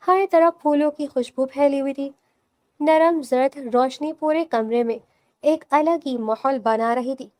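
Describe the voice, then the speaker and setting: A woman narrating a romantic audio novel with steady, scripted storytelling. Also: sits high, dry recording, studio quality.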